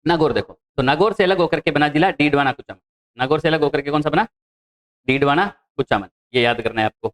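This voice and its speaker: A male tutor with a Rajasthani Hindi accent and a slightly raised voice runs an exam-prep geography class. He asks a question, answers it himself and repeats it, and rattles off lists of place names in quick runs. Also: fairly high pitch, a bit bright. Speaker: teacher.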